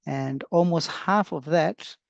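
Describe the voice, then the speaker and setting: Man, online lecture, hesitant with many fillers, gravelly, dull lo-fi call audio. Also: on the high side, slow, no echo. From Samoa. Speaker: clinical advisor giving a webinar talk. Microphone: video call.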